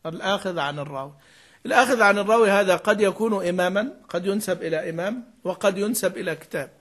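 A man's voice: high-pitched, quick pace, a bit bright. A man teaching the rules of Quran recitation, repeating key terms and prompting his students to fill in answers. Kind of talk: lecture on Quran reading rules.

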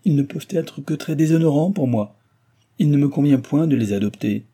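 A man's voice: fairly high pitch, fairly quick, warm tone, pitched above the performer's own voice. A man voicing a proud young woman who answers with firm indignation and reproach. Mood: indignant.

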